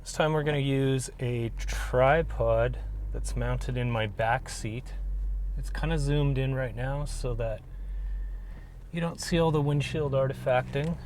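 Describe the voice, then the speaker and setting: A man's voice: medium pitch, measured pace, darkish tone. A man thinking aloud in a casual vlog narration, recorded inside a moving car. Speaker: vlogger. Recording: clear road and car noise.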